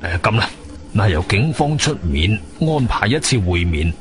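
An actor with a Guangzhou Cantonese accent playing a weary, sceptical police colonel in a radio drama, speaking in a hesitant, official manner. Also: male voice, fairly low pitch, sing-song, moderate pace, background noise. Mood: cautious. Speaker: supporting actor. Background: music.

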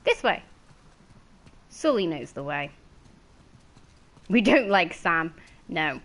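A woman's voice: fairly low pitch, very animated, takes it slowly. A woman streaming a game, chatting casually, greeting viewers by name and laughing easily.

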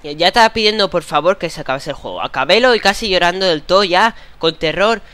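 A man's voice: high voice, fast, bright, forceful tone. A man from commenting on a horror game, joking, swearing and muttering in frustration. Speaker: gaming channel host.

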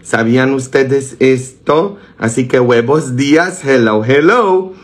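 A man's voice: mid-range voice, slow pace. A man, a priest with a sore throat, preaching casually to his online audience, calling out a sing-song greeting and firing rhetorical questions at his listeners.

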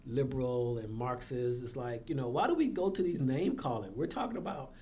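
Guest man, school equity director; mid-pitched, earnest, dry sarcasm. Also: lively intonation, a little fast, dark tone. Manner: earnest, with sarcastic asides and laughter. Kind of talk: podcast conversation.

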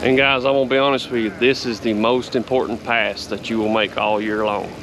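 A man's voice: lowish voice, steady tone, fairly quick. A man, a farmer vlogging casually and plain-spoken at a trade show, filmed close up. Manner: folksy, plain-spoken, enthusiastic. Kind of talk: casual walk-and-talk vlog. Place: large indoor trade show hall. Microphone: handheld camera close to face. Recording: noisy trade show floor. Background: crowd chatter and hall noise.

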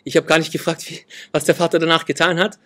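A man's voice: on the high side, level tone, fast, bright, forceful tone. A man preaching a sermon, reading Bible verses aloud and repeating key phrases with earnest emphasis.

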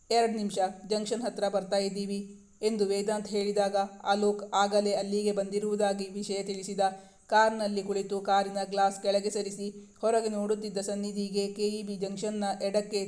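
A man narrating a romance novel aloud as a storyteller, in a steady, even reading manner. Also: sits high, normal speed.

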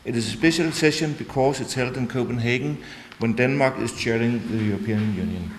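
A man's voice: medium pitch, fairly quick, a little hiss or hum. A man opening an assembly with a ceremonious formal speech. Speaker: assembly speaker. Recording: reverberant hall with crowd.

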